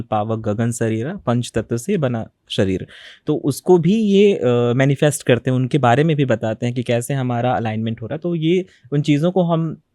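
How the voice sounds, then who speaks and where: A man, a tarot reader answering interview questions and mixing Hindi with English, hesitant and halting in English and quicker in Hindi. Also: mid-range voice, darkish tone, no echo, studio quality. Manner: slow, searching English phrases with frequent fillers, quicker in Hindi.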